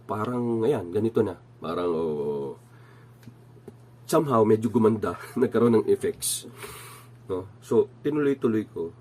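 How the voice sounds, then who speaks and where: A man's voice: lowish voice, normal speed, a little mellow, slightly rough. A middle-aged man with a nasal voice, casually telling a personal story with many fillers and restarts while he has a cold. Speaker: channel host.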